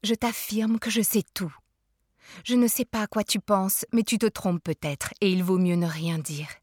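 A woman reading aloud as a patient, gentle mother soothing her child, her voice soft and dropping to whispers. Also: medium pitch, steady tone, moderate pace, dry recording, clean studio sound, lightly acted. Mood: tender.

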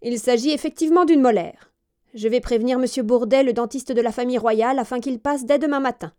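Court doctor, man, calm, factual, mellow tone, read by a woman. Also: a little high, fairly quick, lightly acted. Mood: matter-of-fact. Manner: calm, matter-of-fact. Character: matter-of-fact male court doctor.

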